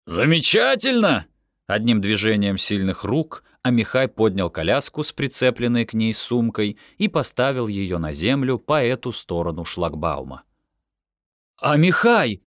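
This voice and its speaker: A man reading an audiobook in first-person narration, expressive and animated. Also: fairly low pitch, normal speed, hardly any pauses, dry recording, clean studio sound.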